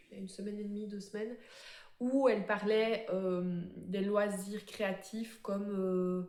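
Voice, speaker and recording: A woman chatting casually to camera about her embroidery, full of fillers and quick self-corrections. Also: medium pitch, dark tone. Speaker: cross-stitch vlogger. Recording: echoey room.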